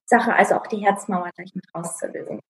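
A woman's voice: mid-range voice, fairly quick, poor audio. A woman talking in an interview about her healing practice, explaining eagerly, with many fillers and tag questions. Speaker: energy healing practitioner, guest. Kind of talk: conversational interview.

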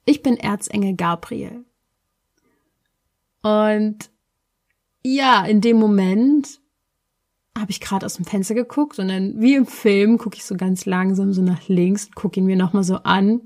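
A woman's voice: mid-range voice, fairly even intonation, measured pace, long pauses, darkish tone. Woman from Berlin, mid-range voice, casual reflective storyteller who gropes for words. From Berlin, Germany.

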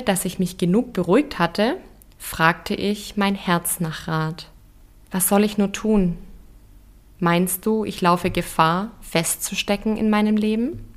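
A woman in her thirties narrating a reflective first-person story in a calm, measured, introspective way. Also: on the low side.

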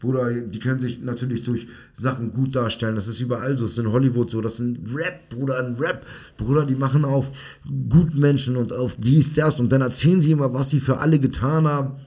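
A man's voice: medium pitch, a little fast, warm tone, breathy edge. A man, a children's martial arts coach, chatting bluntly and heatedly in street slang on a podcast. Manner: street slang, 'Bruder' and 'Digga' in every sentence. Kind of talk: casual podcast chat.

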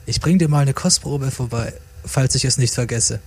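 A man's voice: medium pitch, normal speed, a little mellow, slightly rough. A man reading a storybook voices a stoned, laid-back male bee who talks in drawling slang.

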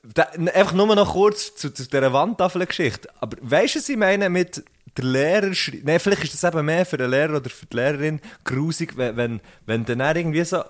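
A man's voice: a little high, animated, brisk. A young man with a Swiss German accent, a teacher chatting casually and rambling with many restarts and swearwords. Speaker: podcast co-host, teacher. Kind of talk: casual chat.

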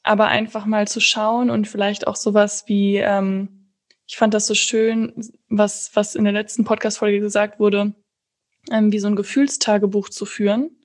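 A woman's voice: medium pitch, flat delivery, moderate pace. A woman hosting a podcast, talking casually in long, chained thoughts. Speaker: podcast host. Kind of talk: casual conversational podcast talk.

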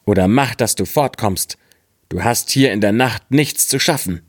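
A man's voice: on the low side, normal speed, slightly rough, dry recording, studio quality. A man voicing a simple-minded, fearless young farm lad in a fairy-tale audiobook, naive and earnest. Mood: earnest, bold.

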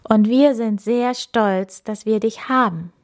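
A woman's voice: a little high, takes it slowly. A woman voicing a kind, cheerful male character who welcomes and comforts his animal friends. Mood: friendly. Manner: warm, beaming.

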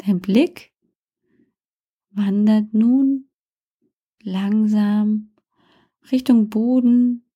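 A woman narrating a guided meditation like a sleep story, softly and calmly, often near a whisper, with long pauses and gentle suggestions. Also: mid-range voice, slightly rough, dull audio. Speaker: guided relaxation instructor.

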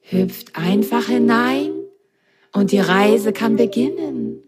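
A woman voicing a calm, helpful talking washing machine that explains things, in a children's story reading. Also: fairly high pitch, slow pace, voice pushed up. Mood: explaining.

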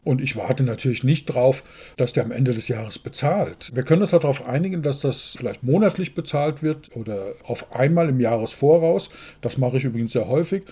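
Male consultant, podcast co-host, blunt and direct, dark husky tone. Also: medium pitch, fairly quick. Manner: blunt, outspoken, animated storytelling. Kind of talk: casual podcast conversation.

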